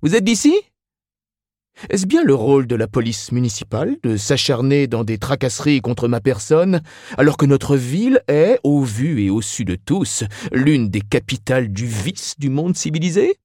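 A man's voice: high voice, big pitch swings, unhurried, darkish tone, no room sound, clean studio sound, voice pushed up, heavily acted. A man voicing a haughty, pompous young man who lectures and declaims indignantly. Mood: bellowing.

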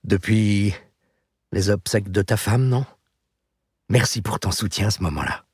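A man voicing a blunt, familiar retired man in his sixties in an audiobook, close to his own low voice. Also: measured pace, darkish tone, breathy edge, no room sound, full character voice. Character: retired older man, blunt and hungry old friend.

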